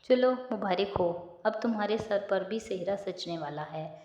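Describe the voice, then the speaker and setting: A woman's voice: mid-range voice, animated, a little slow, darkish tone, lightly acted. A woman voicing a bantering young best friend. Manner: bantering, boisterous. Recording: echoey room, slightly dull.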